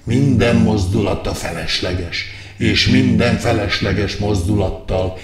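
A man's voice: lowish voice, a crowd in the background, lightly acted. A man playing a pompous male wizard doctor who preaches stillness in a satirical guided meditation, declaiming long lists of verbs. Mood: preachy. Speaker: meditation therapist in a satirical video. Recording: echoey hall from far off, music behind.

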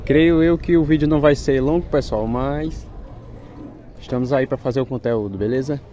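A man's voice: medium pitch, normal speed, warm tone, muffled recording. A man filming on his phone at an outdoor cattle market, chatting casually to his viewers and pointing things out as he walks. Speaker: vlogger filming a cattle fair. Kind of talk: casual phone-camera commentary. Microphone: handheld phone camera. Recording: crowd noise at an outdoor market. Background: crowd and vehicles at an outdoor fair.

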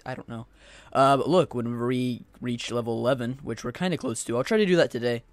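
Young guy rambling while he plays, excitable, goofy tangents, mid-pitched voice. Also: a little fast, no room sound. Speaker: gaming video host. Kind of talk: casual let's-play commentary.

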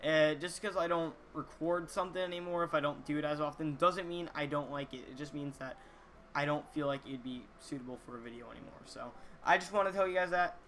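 A teenage boy talks casually to his viewers in a slightly raised, bright voice. He is earnest and halting, often repeating words as he goes. There is some faint noise behind him in the room. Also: fairly high pitch. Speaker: YouTuber reading viewer comments. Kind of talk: casual chat to camera. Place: small indoor room, gaming chair.

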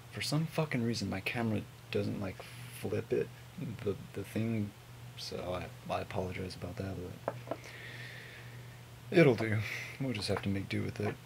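A man in his twenties giving a casual, mumbled, sweary product review on a low-volume webcam recording. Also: gravelly, fairly bright tone, slight background noise, low-quality recording. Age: 20s. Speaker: vape reviewer. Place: small home room with hanging clothes.

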